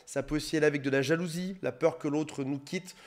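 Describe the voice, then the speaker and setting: A man's voice: fairly high pitch, a little fast. Casual French-speaking man explaining to viewers. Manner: casual and conversational, switching between formal and familiar address; light self-mocking asides. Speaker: YouTube explainer on emotional dependency. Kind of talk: direct-to-viewer educational talk.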